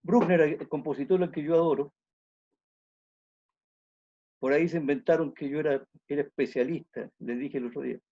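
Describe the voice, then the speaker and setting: A man's voice: on the high side, fairly even intonation, normal speed, pauses often, dark tone, lo-fi sound. A man, an orchestra conductor giving an online music talk, explaining thoughtfully and repeating phrases as he thinks.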